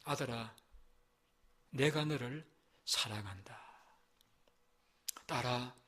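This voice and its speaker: A man preaching softly voices God speaking tenderly to his child, in a hushed, half-whispered sermon voice. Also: mid-range voice, slow pace, slightly rough, pitched below the performer's own voice. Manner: soft, hushed, partly whispered.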